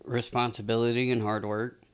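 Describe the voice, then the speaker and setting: A Texas man in his late thirties guests on a podcast, rambling through relaxed stories with plenty of fillers in casual interview talk. He speaks into a boom-arm studio mic in a small indoor studio, his medium-pitched voice brisk, clear and resonant.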